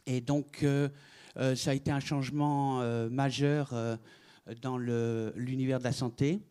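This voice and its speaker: Slow, halting man with a smooth voice. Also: mid-range voice, steady tone, mellow. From France. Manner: hesitant, many fillers and restarts. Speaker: artist giving a talk. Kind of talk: conference presentation.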